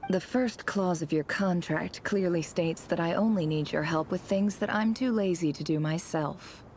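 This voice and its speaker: An actress playing a shrewd, imperious female boss in a video game, haughty and teasing, speaking in a deliberate, eloquent way. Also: fairly low pitch, darkish tone, slight background noise, natural voice. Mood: cryptic, assured. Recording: music behind the voice.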